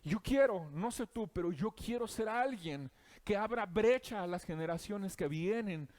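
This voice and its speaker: A man preaching in a notably high voice for a man. He addresses the listener directly, earnest and urging, with the steady flow of a sermon. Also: a little slow.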